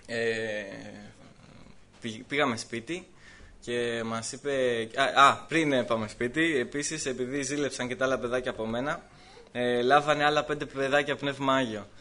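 Telling his own story as a church testimony, a man speaks lively and at medium pitch. Laughs, hesitant moments and voiced quotations run through his account.

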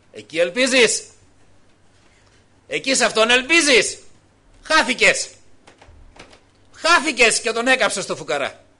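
Guy preaching a fiery sermon, high bright voice, goes from hushed to loud, throws in alleluias. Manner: impassioned preaching, swinging between hushed and loud, frequent alleluias. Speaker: pastor.

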